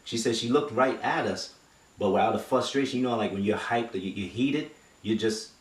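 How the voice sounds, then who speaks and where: A man telling a story in casual chat, animated and acting out quotes with street slang, recorded from a distance in an echoey room. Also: on the low side, a little fast. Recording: echoey room, mic far off.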